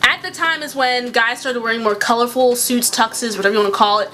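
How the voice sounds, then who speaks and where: Bright-voiced young woman telling a story. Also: fairly high pitch. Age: young adult. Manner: chatty, quick asides, laughs often. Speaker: YouTuber. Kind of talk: casual storytime chat.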